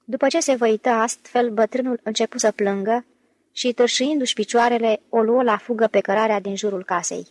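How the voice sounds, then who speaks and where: A woman reading an audiobook in steady, measured narration. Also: fairly high pitch, dry recording. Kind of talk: scripted narration.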